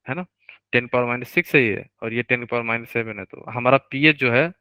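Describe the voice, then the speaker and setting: A man teaching a live online chemistry class, explaining step by step, slowing down to dictate formulas and often checking that students follow. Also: medium pitch, no room sound, highs cut off. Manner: explains step by step, keeps asking students to confirm.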